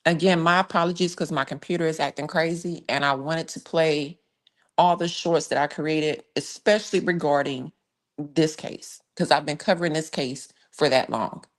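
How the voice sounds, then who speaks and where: Woman, low voice, true crime live-stream host: blunt, emphatic, chatty, talks straight to her viewers. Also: steady tone, moderate pace. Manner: blunt, emphatic, conversational with sighs and restarts; reads viewer comments and thanks viewers while talking. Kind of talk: casual live-stream case commentary.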